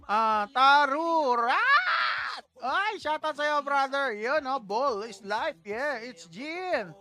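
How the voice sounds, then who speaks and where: A Filipino woman hosts a casual live stream in a high, bright voice, taking her time as she chats. She exclaims often and laughs at her own slips, with faint music playing behind her. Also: animated, takes it slowly. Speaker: livestream host.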